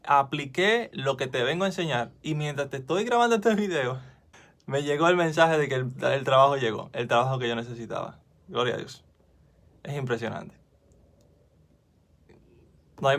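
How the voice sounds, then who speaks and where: A man's voice: mid-range voice, moderate pace, pauses often, a bit bright. A man gives informal Bible teaching straight into his phone, recorded at home. His manner is earnest and conversational. He restarts his sentences and asks viewers questions as he goes. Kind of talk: informal devotional teaching to camera.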